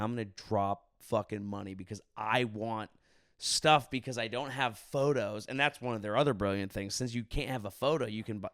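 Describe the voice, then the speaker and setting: Drunk, rambling man with a creaky voice. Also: medium pitch, fairly bright tone, no echo, studio quality. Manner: earnest, rambling, sweary. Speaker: content creator, vlogger. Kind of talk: rambling monologue to camera. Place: hotel room.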